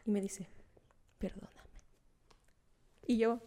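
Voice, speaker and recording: A young woman hosting a podcast, telling anecdotes in a lively, animated way, acting out quotes and laughing often. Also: mid-range voice, slow pace. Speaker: podcast host. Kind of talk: casual chat.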